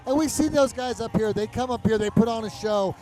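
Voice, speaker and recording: A man's voice: extremely high pitch, a little fast, darkish tone, faint music behind, rough recording. A man doing conversational live commentary on a fight event as one of a pair of commentators.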